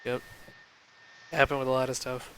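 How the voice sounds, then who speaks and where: A man's voice: mid-range voice, monotone, brisk, a bit bright, slight background noise, poor audio. A young man hosting a casual gaming talk stream, chatting loosely with lots of fillers and restarts. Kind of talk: casual live-stream chat.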